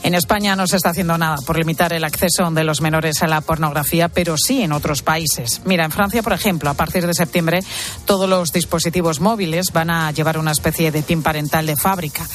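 Lower-voiced woman presenting radio news. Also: fairly even intonation, a little fast, faint music behind. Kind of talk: radio news feature narration.

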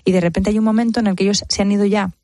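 A woman's voice: mid-range voice, steady tone, very fast, mellow, no room sound. A woman talks animatedly about raising children and acts out the voices of the people she quotes. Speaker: parenting guest expert. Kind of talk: casual chat.

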